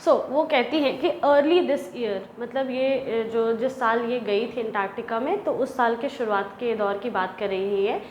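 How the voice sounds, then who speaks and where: A young woman with a fairly high voice gives a classroom lesson. She reads English passages slowly, then explains each line in Hindi. The voice rings in an echoey room over a faint hum. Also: lo-fi sound. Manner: slow, deliberate reading of English lines, then explaining in Hindi. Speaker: English teacher.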